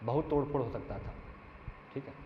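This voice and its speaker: A man's voice: medium pitch, a little fast. Aggrieved male teacher in an echoey room. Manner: earnest, aggrieved, explaining point by point. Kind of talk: defending himself in a monologue. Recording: echoey dull room sound, faint noise.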